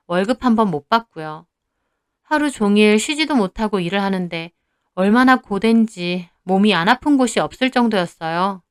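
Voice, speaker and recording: A woman's voice: mid-range voice, smooth, no echo, studio quality. A young woman narrating her own story in the first person, in a plain confessional way.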